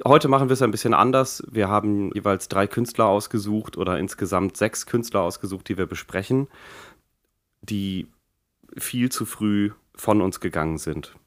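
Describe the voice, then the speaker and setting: A man with speech hosting a casual podcast, his voice deepened and worn from a recent infection. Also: moderate pace, a bit bright, no echo. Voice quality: deepened, croaky voice left over from an infection. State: recovering from Covid with a lingering cough, vocal cords strained. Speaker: podcast host.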